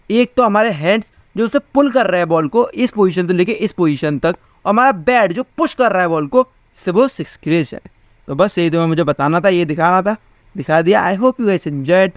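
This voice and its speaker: A man's voice: high-pitched, fairly quick, no room sound. A young man teaching a physics class in a casual, chatty way, often asking his students questions. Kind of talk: casual Hindi class lecture.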